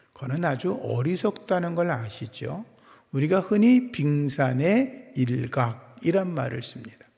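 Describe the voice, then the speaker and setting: A man who is a senior pastor, preaching a sermon at a Friday prayer service, rising to loud exhortation and dropping to hushed phrase endings. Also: fairly high pitch. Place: church sanctuary. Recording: church hall reverb.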